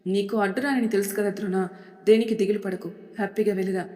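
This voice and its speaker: Kind old grandfather, soft and reassuring , as a female narrator does him; long reverb. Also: mid-range voice, fairly even intonation, fast, lightly acted. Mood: tender.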